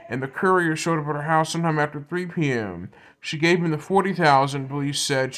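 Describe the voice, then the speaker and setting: Higher-voiced man giving halting casual commentary. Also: fairly bright tone. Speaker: vlogger commenting on scam news. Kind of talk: casual commentary, partly reading a news report aloud.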